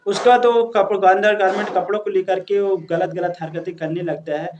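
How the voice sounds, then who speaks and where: A man's voice: high-pitched, fairly even intonation, a little fast, a little mellow, slight background noise. A man narrating a story in a casual, chatty way, addressing his listeners as friends, with frequent restarts and fillers.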